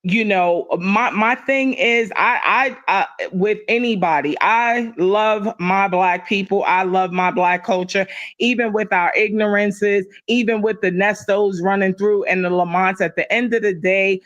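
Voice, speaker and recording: Middle-aged woman, livestream guest, speaks with heated conviction and repeats points for emphasis, mid-pitched. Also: measured pace, fairly bright tone, dry recording, lo-fi sound. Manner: impassioned, emphatic, repeats herself for stress. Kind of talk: casual chat.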